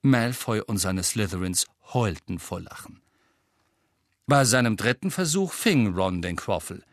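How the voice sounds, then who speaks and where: A man reading a novel aloud as an audiobook narrator, with expressive storytelling. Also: fairly low pitch, a little slow, no echo, studio quality. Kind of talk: scripted narration.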